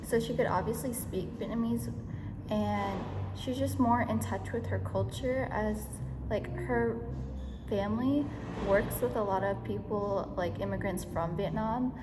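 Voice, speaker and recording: A young woman answering interview questions casually, hesitant and full of fillers, talking in loose run-on phrases. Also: mid-range voice. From United States. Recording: echoey room with background noise.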